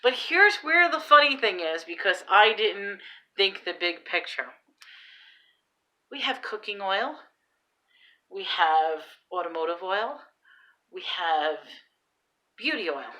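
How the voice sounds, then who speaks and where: Recorded on a phone at arm's length in a small room, this casual vlog features a thirtysomething woman with a Long Island, New York accent who sells online. She tells stories in an animated, exclamatory way, though her medium-pitched voice moves slowly and pauses often.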